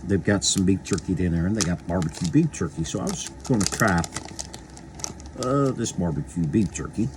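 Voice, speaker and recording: A man's voice: low voice, normal speed, background noise. A man, chatting casually as a local video host, rambling and folksy with lots of repeated phrases. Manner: eating while talking. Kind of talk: casual chat to camera.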